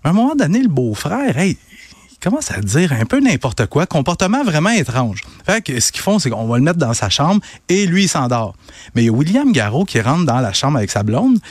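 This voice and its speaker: A man with a Quebec French accent, a crime news columnist recounting a story in lively radio chat. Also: on the high side, fairly quick, no room sound. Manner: animated, chatty storytelling.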